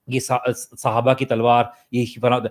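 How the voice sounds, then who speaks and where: A man speaking in an impassioned discussion, fervent, pushing his pitch up hard to stress points and mixing English into Urdu. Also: completely flat delivery. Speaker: main speaker.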